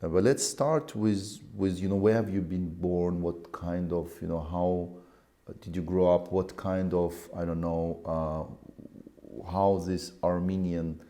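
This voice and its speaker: A man's voice: low-pitched, steady tone, measured pace, warm tone. A man hosting an interview, asking long, rambling questions full of fillers as he searches for words. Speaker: interview host.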